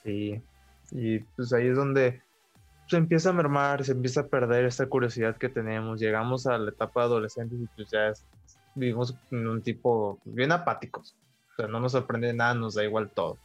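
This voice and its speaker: A man's voice: mid-range voice, steady tone, normal speed, dry recording, soft background music. Man talking casually, dry sound. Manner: thoughtful, many filler words. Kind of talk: casual conversation.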